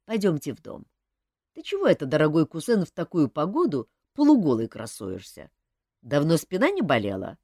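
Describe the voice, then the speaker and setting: A woman voicing Shelar, a calm, quiet-spoken king with a quiet, teasing manner. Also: deep voice, normal speed, no room sound, studio quality, full character voice.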